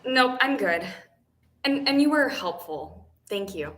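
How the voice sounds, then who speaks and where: A woman's voice: on the high side, expressive, slow pace, slight background noise. A woman playing a wry, teasing blind caller. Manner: wry, teasing, gently joking. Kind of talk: stage play performed over video call.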